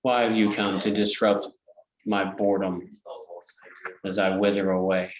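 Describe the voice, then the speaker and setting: A man putting on a wet, raspy, bored scaled creature. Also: deep voice, flat delivery, measured pace, reverberant, lo-fi sound. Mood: bored menace. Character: bored, lazy scaled creature with long tail on a throne.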